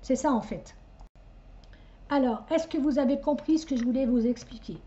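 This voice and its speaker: A middle-aged woman talks directly to her viewers as a psychic medium, her fairly high voice soft and mellow. She rambles and hesitates, restarting her words again and again. The recording sounds dull and lo-fi. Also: normal speed. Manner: talks directly to the listener, chatty and insistent. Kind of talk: casual spoken reading to viewers.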